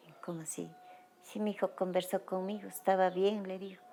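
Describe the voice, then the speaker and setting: A woman's voice: mid-range voice, level tone, normal speed, vocal fry, mellow, a little hiss or hum. A middle-aged Ecuadorian woman giving documentary testimony, emotionally retelling events through quoted dialogue. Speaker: victim's mother interviewed.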